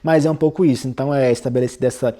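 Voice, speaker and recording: A young man with a Brazilian accent hosts a casual literature lesson, explaining the book in a relaxed, conversational way. His voice is warm and mellow, and he sits at a middle pitch. He keeps checking in with his listeners as he goes. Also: racing. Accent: Brazilian Portuguese. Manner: conversational, peppers sentences with "né" and "tá". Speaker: literature channel host.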